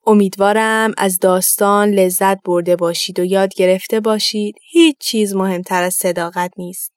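A woman reads a children's story aloud in a gentle, instructive way, at a middle pitch for a woman. Her voice is close and dry, with no room around it. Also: steady tone, no room sound, soft background music.

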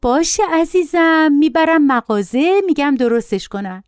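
A woman voicing a doting, indulgent mother who coos slowly and pleadingly. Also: on the high side, mellow, clean tone, no echo, studio quality, close to an everyday voice. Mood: cooing. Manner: slow, cooing, pleading.

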